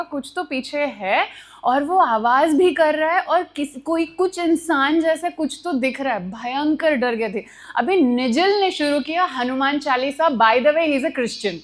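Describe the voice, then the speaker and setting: A young woman telling a true personal story at a live storytelling session, animated and mixing in English phrases, acting out noises with sound words. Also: high-pitched. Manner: mixes Hindi with English phrases.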